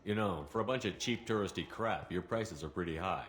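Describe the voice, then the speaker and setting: A man's voice: low voice, brisk, a bit bright, slight background noise. A man voicing a blunt, abrasive male soldier commander with a sarcastic, confrontational streak.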